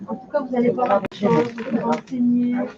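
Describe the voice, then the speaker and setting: A woman's voice: fairly high pitch, little pitch movement, fairly quick. A woman giving live readings as a medium, speaking spontaneously in short, repeated, reassuring fragments. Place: public hall with audience. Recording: dull sound, loud crowd noise. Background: loud crowd.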